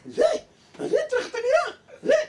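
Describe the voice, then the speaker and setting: A man doing a shrill, nagging wife. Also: sing-song, far from the mic. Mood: scolding. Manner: shrill, scolding.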